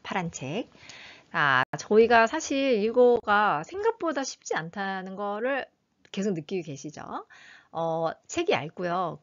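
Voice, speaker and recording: Lively woman teaching English vocabulary. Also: mid-range voice. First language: Korean. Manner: lively, explains with memory tricks and quick questions. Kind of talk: vocabulary lesson. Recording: dull lo-fi sound.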